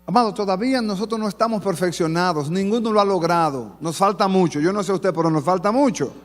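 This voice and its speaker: A pastor preaching a fervent sermon to his congregation in a church, addressing them warmly as beloved. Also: sits high, quick pace. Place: church sanctuary. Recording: long church hall reverb.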